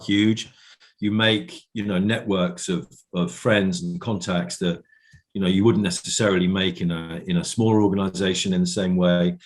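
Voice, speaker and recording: A man's voice: sits low, steady tone, moderate pace. A man answering as an interview guest in casual, reflective talk, often hedging as he goes.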